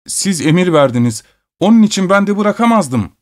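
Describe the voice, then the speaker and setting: A man's voice: high voice, very animated, moderate pace, pitched above the performer's own voice. A fussy manservant grumbles to his master in a raised, complaining voice, as a man acts him out. He sounds indignant and put-upon, a storybook servant. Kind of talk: audiobook character voice.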